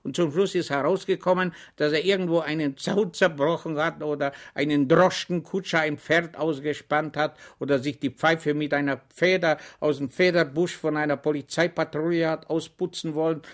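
A man's voice: a little high, fairly even intonation, moderate pace, hardly any pauses, pitched above the performer's own voice, lightly acted. A man voicing a good-natured soldier orderly who talks amiably and rambles on deferentially. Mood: rambling.

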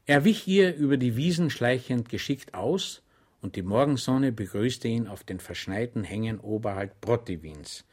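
A man narrating a comic novel as an audiobook reader, in a low, even storytelling manner. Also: moderate pace.

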